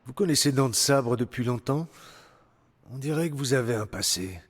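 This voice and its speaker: A man's voice: medium pitch, lively intonation, normal speed, slightly rough. An actor playing an earnest, curious young male hero in a French video game dub, asking plenty of questions. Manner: inquisitive, earnest.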